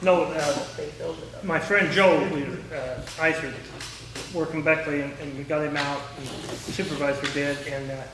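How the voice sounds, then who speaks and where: A retired air traffic controller from small-town Indiana, a middle-aged or older man with a Midwestern accent, reminisces informally to a local audience in a historical society's echoey meeting room. His voice is a little high and steady, and he rambles haltingly, jumping between thoughts, picked up by a roomy, distant mic with faint noise.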